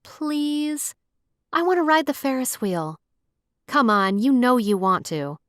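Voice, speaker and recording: A woman's voice: high voice, animated, slow, dry recording, studio quality, pitched above the performer's own voice, heavily acted. A woman reading an audiobook voices a playful, persistent young woman who coaxes and wheedles. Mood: coaxing. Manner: wheedling, bright and coaxing. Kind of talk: audiobook character voice.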